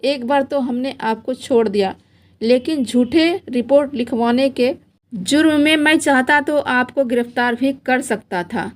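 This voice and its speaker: A woman's voice: high-pitched, measured pace. A woman voicing a brusque male police inspector who lectures and reproaches in a spoken story. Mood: stern.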